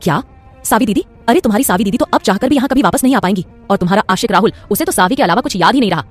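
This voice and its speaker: A woman's voice: mid-range voice, expressive, racing, soft background music, lightly acted. A woman voicing a scheming, treacherous male commander who mocks and gloats in an audio story. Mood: gloating. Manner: mocking, gloating.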